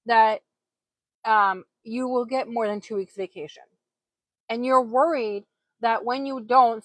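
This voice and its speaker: Talking into her own microphone, a livestream host from Poland, in her forties, chats with her viewers directly in an earnest, casual, motivational way. Her voice is a little high, and the recording is dry.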